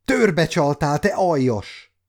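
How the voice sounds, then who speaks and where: A frightened young woman who turns defiant, crying out in anguish in an audiobook scene, voiced by a man. The tone is dark and mellow. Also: mid-range voice, sing-song. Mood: frantic. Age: 50s. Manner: cries out in anguish.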